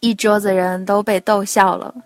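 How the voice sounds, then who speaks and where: A woman narrating a personal love story aloud in a soft, intimate storytelling manner. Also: mid-range voice, level tone, moderate pace, no room sound. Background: faint background music.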